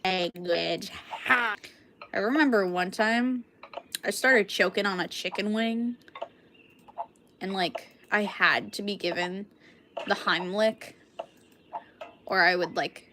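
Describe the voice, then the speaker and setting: Young woman, sick and coughing, rambling casual stream chat, mid pitch, clear background clicks. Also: slow pace, long pauses, pushed and bright, slight background noise. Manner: rambling, filler-heavy, frequent "like".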